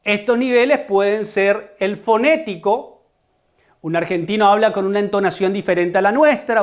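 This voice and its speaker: A man with a Paraguayan Spanish accent teaches an online lesson in a fairly high voice. He explains each point step by step, stresses the key terms and often turns to address his students directly.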